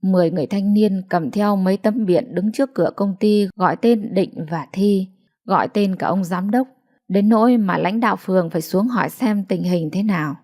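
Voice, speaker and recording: A woman narrating a dramatic family story with steady, emotive delivery. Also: medium pitch, moderate pace.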